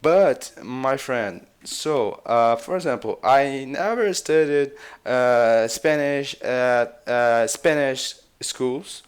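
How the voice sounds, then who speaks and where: A Brazilian man with a Brazilian Portuguese accent, a language vlogger and native Portuguese speaker, offers casual tips on learning languages. His voice is medium-pitched and smooth, and he speaks slowly, hesitating, repeating himself and filling gaps with lots of "uh."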